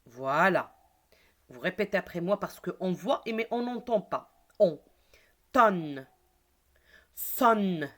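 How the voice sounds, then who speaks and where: A teacher leads a phonics lesson at a crawling pace, stretching each word so children can repeat it. Her pitch rises and falls a lot as she coaxes and corrects. A woman with a patient, deliberate classroom delivery. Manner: slow, deliberate, repeating words for pupils. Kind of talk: slow reading lesson for children.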